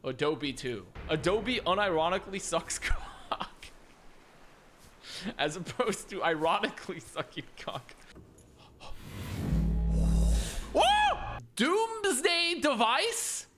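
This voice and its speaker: A young man streaming a game, excitable and constantly swearing and exclaiming. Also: high-pitched, slow, pauses often, music in the background. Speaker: gaming streamer. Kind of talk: casual game commentary.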